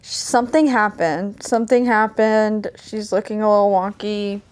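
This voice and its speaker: A woman's voice: mid-range voice, steady tone, normal speed, smooth. Chatty Southern woman vlogging at home. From American South. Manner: rambling, heavy use of "like" fillers. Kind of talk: casual chatty vlog.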